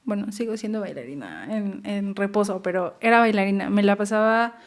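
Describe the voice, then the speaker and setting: A woman's voice: medium pitch, expressive, brisk. Earnest young Mexican mother telling stories. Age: young adult. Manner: earnest, repeats words for emphasis, acts out quotes. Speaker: guest, mother. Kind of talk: emotional personal storytelling.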